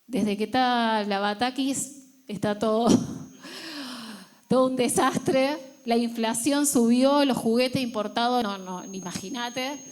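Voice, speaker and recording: A woman's voice: a little high, takes it slowly, a little mellow, low-quality recording. An Argentine woman voicing her complaining young son, who whines and makes excuses in a preaching illustration. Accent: Argentine Spanish. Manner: whiny, excuse-making.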